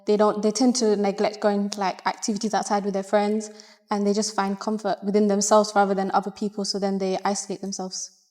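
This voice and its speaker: A woman's voice: mid-range voice, monotone, fairly quick, a little mellow, big-room sound. A young woman giving concerned, articulate interview answers.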